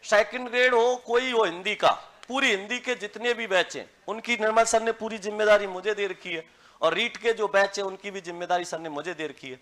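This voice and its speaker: A young man from India teaching Hindi grammar in a classroom lecture, slowly repeating rules for students to write down. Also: sits high, steady tone, fairly bright tone.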